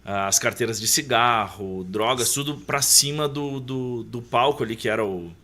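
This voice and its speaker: A man in his 30s, appearing as a guest on a podcast, reflectively shares personal recollections in conversational storytelling. His voice is medium-pitched, pushed and bright, at a moderate pace.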